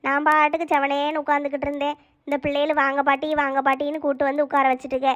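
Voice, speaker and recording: A woman's voice: sits high, completely flat delivery, fast, muffled recording, lightly acted. A woman doing a grumbling old grandmother. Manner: complaining, scolding.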